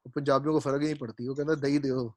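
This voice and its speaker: A man's voice: mid-range voice, flat delivery, heavy background noise. A man teaching Arabic grammar in a classroom lecture. He explains step by step, repeats his points and keeps checking that his students understand.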